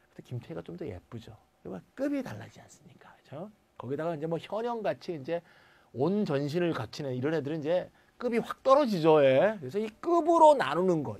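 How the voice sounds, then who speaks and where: A male lecturer explains grammar with a voice that swings up and down a great deal, sitting a little above the usual pitch for a man. He talks in a chatty, blunt way, full of asides and the odd bit of mild swearing. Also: a little mellow, husky.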